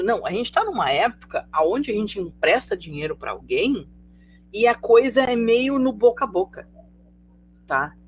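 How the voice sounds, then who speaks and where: A Brazilian-accented teacher leads a remote sociology class in an easy, conversational voice of middling pitch. The teacher fires rhetorical questions at the students and checks that they are following. A faint hum sits under the voice. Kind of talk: live online class lecture.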